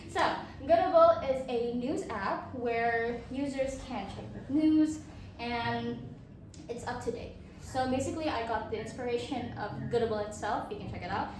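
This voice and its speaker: In a very echoey room full of crowd noise, a teenage Indonesian student is heard from a distance showing off her portfolio. She has a high voice and a bubbly, chatty style. Fillers and restarts pop up often, and there's background noise throughout.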